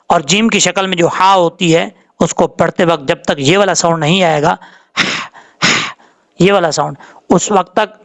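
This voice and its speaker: A man teaching Quran recitation rules, explaining calmly and drawing out the words he demonstrates. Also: on the high side. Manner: explains slowly, drawing out Arabic words when showing them. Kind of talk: tajweed lesson with slow demonstrations.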